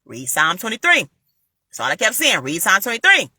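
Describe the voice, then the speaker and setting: A woman giving a casual spoken faith testimony to viewers, animated and repeating her phrases for emphasis. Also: medium pitch, a little fast, slightly rough, dry recording. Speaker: vlogger sharing a faith testimony.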